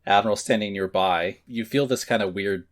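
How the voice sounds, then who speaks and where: A man's voice: fairly low pitch, normal speed. A man narrating a tabletop role-playing game as game master, describing scenes and laughing along with the players. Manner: descriptive, laughs often, restarts sentences.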